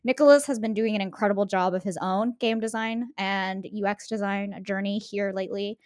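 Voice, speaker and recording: A woman co-hosting a podcast, chatting playfully and cracking jokes at a middle pitch. The sound is close and dry, with no room echo. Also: fairly even intonation, fairly quick, a little mellow. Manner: playful, jokey. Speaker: podcast co-host. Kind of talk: casual podcast chat.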